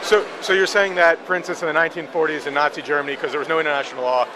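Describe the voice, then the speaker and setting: A man conducts an interview with probing, challenging questions, frequently stammering as he phrases them. His voice is a little high and steady, and he talks very fast, with clear outdoor street and vehicle noise in the recording.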